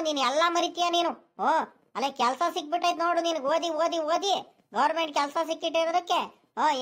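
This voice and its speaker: A voice actor playing a grumpy village grandfather in an animated cartoon, scolding his grandson in rapid rural speech. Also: high-pitched.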